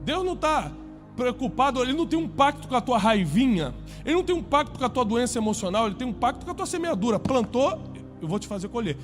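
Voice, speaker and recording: Man, Brazilian Portuguese accent, pastor, emphatic sermon, rhetorical questions, high voice, faint music behind. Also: very animated, fast talker. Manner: emphatic preaching, rising to near-shouts, rhetorical questions to the congregation. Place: church before a congregation.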